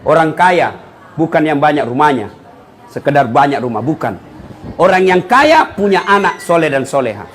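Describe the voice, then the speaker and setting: A fairly high-pitched man delivers a lively, joking sermon as a preacher, telling stories and teasing his listeners. A faint hiss sits under his voice. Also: moderate pace. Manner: jokey, animated storytelling with asides to the audience. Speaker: Islamic preacher. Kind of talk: humorous sermon to a congregation.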